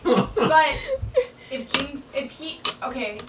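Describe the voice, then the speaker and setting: A woman chatting casually and excitedly as a player in a tabletop game. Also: sits high, takes it slowly. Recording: very noisy echoey room, distant mic.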